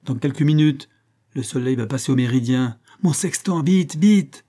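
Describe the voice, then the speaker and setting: A man's voice: medium pitch, fairly even intonation, a little fast, dark tone, close to an everyday voice. A man reading aloud, voicing an agitated male astronomer who exclaims in a strangled, indignant way.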